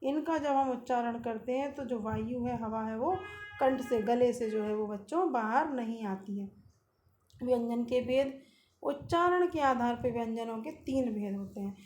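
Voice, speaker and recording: A woman teaching a school lesson to children, explaining slowly and repeating each point. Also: fairly high pitch, darkish tone, slight background noise.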